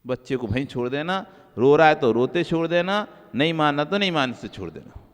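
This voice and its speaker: A male Jain monk giving a sermon, repeating key phrases and moving between soft low asides and raised, emphatic lines. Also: animated, a little fast. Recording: long hall reverb.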